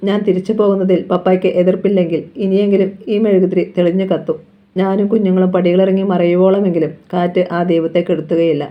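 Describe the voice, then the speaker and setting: The novel's reader voicing a grieving young mother who pleads softly with her late father, close to the reader's own voice. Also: medium pitch, level tone, quick pace, lightly acted. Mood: pleading. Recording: dull lo-fi recording.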